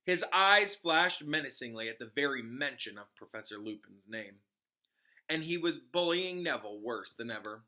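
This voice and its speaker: A male teacher reads a children's novel aloud informally, pausing to explain things to listeners in casual asides. His medium-pitched voice is expressive, pushed and bright.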